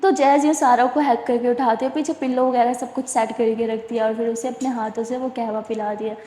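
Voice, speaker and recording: A woman's voice: a little high, fairly even intonation, brisk, dark tone. A woman casually retelling a love story in a chatty, informal way. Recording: echoey room with long reverb.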